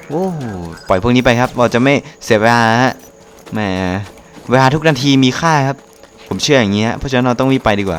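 A man giving casual let's-play commentary, excitable, with quick exclamations and playful jokes. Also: medium pitch, a little hiss or hum. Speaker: gameplay commentator.

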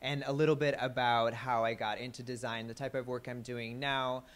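A man's voice: mid-range voice, steady tone, normal speed, fairly bright tone. Man, thirties, American accent, conference talk, self-deprecating, lots of ums and restarts, a little nervous. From Italy. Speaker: conference speaker. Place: conference stage.

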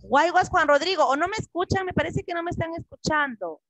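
A woman English teacher leading an online class for children, patiently repeating words slowly over a video call. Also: extremely high pitch, expressive, a bit bright, dry recording, poor audio.

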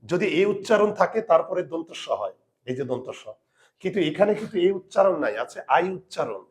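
Male language teacher, somewhat high voice, patient and repetitive, steady classroom delivery. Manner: patient, repeats rules slowly for students. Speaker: Bengali grammar teacher. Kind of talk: spelling lesson to students.

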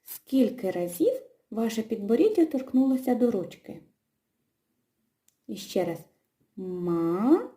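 A woman's voice: a little high, sing-song. Sing-song woman teaching young children. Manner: gentle, slow and sing-song, splitting words into syllables for children. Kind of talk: children's literacy lesson with a told tale. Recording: echoey room.

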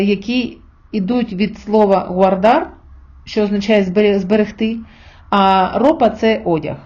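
A woman's voice: mid-range voice, mellow, muffled recording. A middle-aged woman giving an online language lesson, patiently spelling out sounds and examples for her viewers. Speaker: Spanish teacher.

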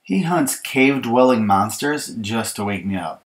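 Loud music plays under an author reading his picture book in a natural, medium-pitched voice, animated but at a measured pace. He takes the part of an exasperated girl complaining emphatically and mock-aggrievedly about her bratty little brother.

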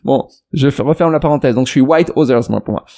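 A man's voice: mid-range voice, fast talker, darkish tone. A man from France giving a rambling, digressive video reply to a viewer's comment, with many restarts and fillers and arguing straight at the viewer. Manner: addresses the viewer directly and argues a point. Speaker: investment YouTuber.

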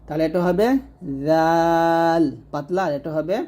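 Teaching the pronunciation of Quranic letters, a man moves slowly through the lesson step by step and repeats every sound for the listener to echo. He has a slightly high, slightly mellow voice.

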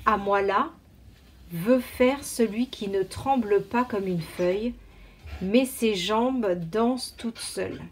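A woman teacher reading a picture book aloud to young children in an expressive, carefully paced storytelling manner. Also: mid-range voice, slow pace, breathy edge.

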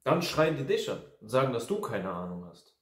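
A man's voice: medium pitch, very animated, a little fast, a bit bright. A young man in his twenties rants emphatically to camera, circling back to the same point again and again with mocking asides. His mid-range voice bounces around a roomy, echoey space. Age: 20s. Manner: emphatic, repetitive ranting, mocking quotes. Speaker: life coach and video host. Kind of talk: casual talk to camera. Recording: echoey room.

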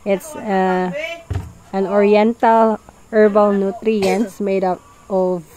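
A woman calmly explaining, step by step, how she prepares a farm fertilizer mix, speaking outdoors on a farm. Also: medium pitch, takes it slowly, low-quality recording. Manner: calm, explanatory, plain wording. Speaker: farm vlogger. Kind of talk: instructional farm narration.

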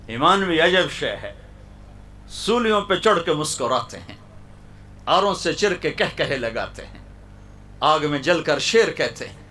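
A male preacher telling a story in a sermon at a university hall, dramatic, swinging between loud cries and hushed tones. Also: a little high, sing-song, pauses often, slight background noise.

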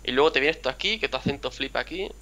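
This young male host, from a town near Seville in Spain, has a bright, mid-range voice, a mild Andalusian accent, and a fast delivery. Hosting a gaming channel, he keeps up a rambling, casual chat over a video game on a call, chatty and acting out quotes.

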